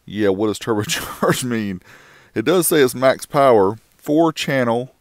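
A man's voice: medium pitch, animated, measured pace, no room sound. A man giving a casual voice-over review of a car amplifier, with wry joking asides.

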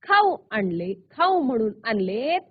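Doting uncle played by a woman, slow singsong delivery, phone-thin sound. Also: on the high side, sing-song, breathy edge, phone-quality sound, full character voice. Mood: fond. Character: doting uncle bringing sweets.

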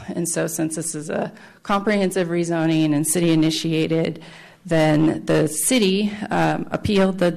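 Woman, city staff presenter. Low pitch, gravelly fry, formal but halting explanatory delivery. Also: a little mellow. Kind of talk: formal public meeting presentation.

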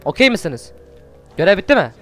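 A man hosting a let's play, commenting excitedly as he plays, swearing at enemies and coaxing his pet wolf along. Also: high-pitched, fast, soft background music. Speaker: gaming channel host.

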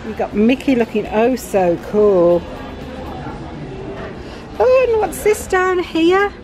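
A middle-aged British woman vlogging from a big store, chatting excitedly about items and their prices. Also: high-pitched, takes it slowly. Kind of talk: shopping vlog walkthrough. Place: large busy store indoors. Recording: store music and crowd noise behind.

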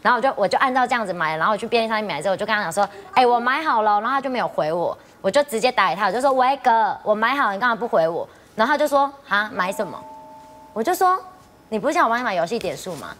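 A woman guest on a talk show, telling a story in an animated, exclaiming way. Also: a little high, very fast, a little hiss or hum.

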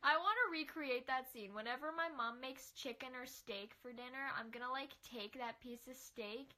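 A woman's voice: high-pitched, normal speed, sharp tone. A young woman in casual livestream chat, recorded on a phone at arm's length in a room at home. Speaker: livestreamer acting out film scenes. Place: small room at home, indoors.

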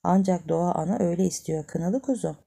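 A woman's voice: lowish voice, fairly quick, creaky, slightly rough. A woman as a tender, patient mother. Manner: gentle, affectionate, patient. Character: tender, cheerful mother soothing her son.

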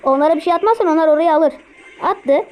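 A woman giving live gameplay commentary, excitable, talking to herself and repeating words as she plays. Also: extremely high pitch, fast, faint music behind, low-quality recording. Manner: excitable, talks to herself while playing. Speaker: gameplay streamer.

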